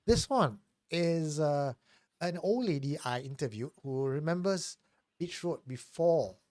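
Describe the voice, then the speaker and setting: A man's voice: fairly high pitch, animated, unhurried, a little mellow, dry recording, clean studio sound. A man with a Singaporean accent co-hosting a live stream, chatting casually and giving announcements to listeners. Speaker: co-host of a horror live stream.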